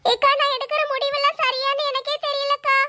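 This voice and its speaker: A woman's voice: extremely high pitch, flat delivery, a little fast, sharp tone. A woman voicing a shy, tearful young woman who speaks in a hesitant, pleading way. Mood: anxious.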